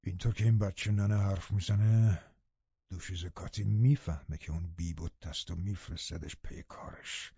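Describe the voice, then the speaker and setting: A man voicing a bitter, scheming middle-aged man in an audiobook, speaking in a low, muttering, sardonic manner. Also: sing-song, long pauses, mellow, dry recording. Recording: dull, dry audiobook recording.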